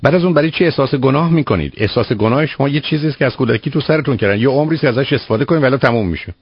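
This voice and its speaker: This radio psychologist host has a mid-range, slightly rough voice and no room sound around him. Hosting a call-in show over muffled broadcast audio, he lectures a caller bluntly and fires pointed rhetorical questions.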